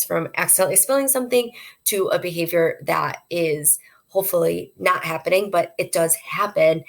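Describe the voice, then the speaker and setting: Low, gravelly-voiced woman educator. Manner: earnest and conversational, explains with everyday examples. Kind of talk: informal instructional talk to parents.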